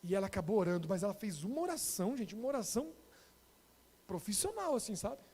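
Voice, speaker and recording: Man, Brazilian Portuguese accent, pastor, storytelling sermon, warm voice, long church-hall reverb. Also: high-pitched, fast, husky. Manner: animated, addresses the congregation directly.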